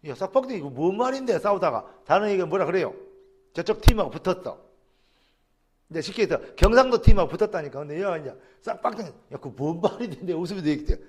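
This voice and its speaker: A man pastor preaches with great animation. His voice sits high and swoops widely, acting out quoted lines and rising to shouts. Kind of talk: sermon. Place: church sanctuary.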